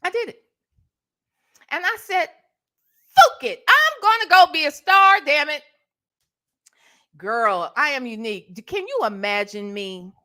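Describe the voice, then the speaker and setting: Speaking in a high voice at a measured pace with long pauses, an Ohio woman in middle age hosts a casual livestream storytime. Her style is animated, emphatic and sassy, peppered with tag questions aimed at the listener.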